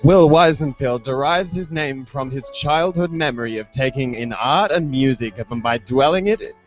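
A young man with a medium-pitched voice reads experimental fiction at a moderate pace, holding a handheld microphone close. He's a writer or performer at a festival, in an indoor room broadcast as a live online video stream. The webcast sounds dull and lo-fi, with a music soundscape prominent behind him.

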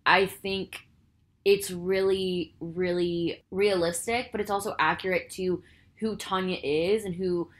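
A woman with a slightly low-pitched voice hosts a casual film review podcast. She talks in a loose, rambling way, full of "like" and "I think." She sounds earnest and emotionally invested. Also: fairly even intonation, slow. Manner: chatty and rambling, heavy use of "like" and "I think". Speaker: podcast host.

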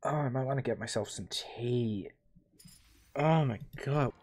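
A man streaming a game, muttering quietly to himself as he plays and thinking aloud. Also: medium pitch, a little slow, breathy edge. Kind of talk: casual gameplay commentary.

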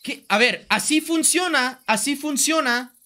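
A man's voice: very high voice, measured pace, sharp tone. A young man with a Mexican Spanish accent, streaming a game live in a playful, rambling way, swearing casually and repeating his lines. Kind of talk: joking gameplay live stream. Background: faint background music.

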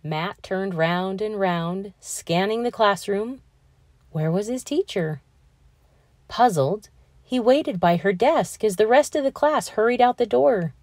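A woman narrates a children's story at an unhurried, slow pace. Her delivery is deliberate and expressive, with a middle pitch. The sound is dry, with very little room in it. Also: no room sound. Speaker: read-aloud narrator. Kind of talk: expressive children's picture book reading.

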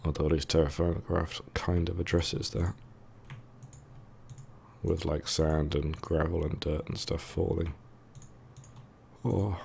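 A man's voice: deep voice, flat delivery, a little slow, creaky, long pauses, darkish tone, a little hiss or hum. A man with a thick, sore-throated voice giving casual, hesitant let's play commentary, musing to himself as he goes. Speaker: gaming video host.

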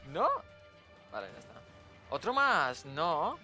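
A man giving excitable, jokey let's play commentary, swearing freely. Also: fairly high pitch, takes it slowly, faint music behind. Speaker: streamer.

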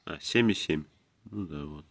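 A man filming himself tasting groceries in a room, talking calmly in short, clipped phrases into his phone camera. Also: a bass voice, a little slow, creaky, husky. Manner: calm, terse, speaks in short clipped phrases. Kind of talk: casual food-tasting vlog. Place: indoors, in a room in a city. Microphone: phone camera held by the speaker, who stays off screen.

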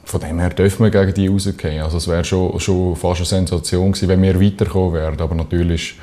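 Deep, mellow young Swiss man. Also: level tone, fast talker. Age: young adult. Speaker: professional handball player, team captain. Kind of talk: studio interview answers. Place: small TV studio.

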